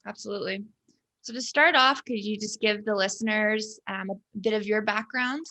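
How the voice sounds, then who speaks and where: A woman's voice: mid-range voice, moderate pace, sharp tone. A woman hosting a podcast, speaking with earnest enthusiasm in her intro and questions. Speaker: podcast host.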